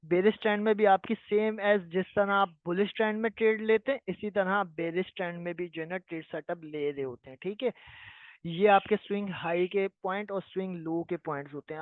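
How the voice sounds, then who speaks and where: During a live trading lesson online, a man with a high voice answers viewer questions, patiently explaining and repeatedly checking that his audience is with him. The recording is dry, without echo, and sounds tinny like a phone.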